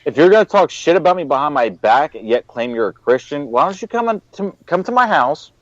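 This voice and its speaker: A man co-hosting a casual show, blunt and quick to swear, with an animated voice that moves up and down a lot. The recording is dry and close, with a dull, lo-fi sound. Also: on the high side, dry recording. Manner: blunt, profane, opinionated. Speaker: show co-host. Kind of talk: casual chat. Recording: dry, muffled lo-fi audio.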